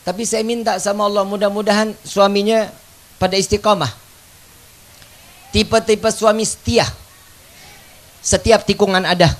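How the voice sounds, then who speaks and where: A man preaching a humorous religious sermon, joking and calling out loudly to the crowd. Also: sits high, fairly even intonation, moderate pace, long pauses. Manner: joking, loud call-and-response with the crowd. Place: outdoor religious gathering.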